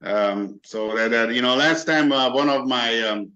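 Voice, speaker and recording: A man's voice: mid-range voice, a little slow, pushed and bright. A man, a guest in a casual interview, talking earnestly with many fillers and restarts. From Hungary. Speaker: interview guest, business owner. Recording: dull lo-fi sound.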